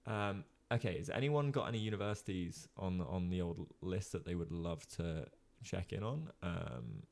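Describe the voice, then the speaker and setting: Young man, very low voice, gravelly fry, chatty streamer commentary, lots of ums. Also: lively intonation, moderate pace, darkish tone. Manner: chatty, many ums and uhs, reads chat. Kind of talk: live-stream chess commentary.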